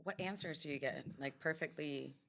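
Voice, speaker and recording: A woman's voice: sits low, normal speed, a bit bright. Playful woman interviewer. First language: Spanish. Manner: playful, teasing questions. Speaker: interview host. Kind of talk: casual interview conversation.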